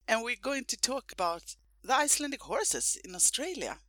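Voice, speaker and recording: A woman hosts a podcast with a bright, sharp tone and a pitch that swings up and down as she speaks. She asks her questions with open enthusiasm, and the sound is dry and close, with no room around it. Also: sing-song, normal speed, no room sound. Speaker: podcast host. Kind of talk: casual interview. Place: home in Sweden.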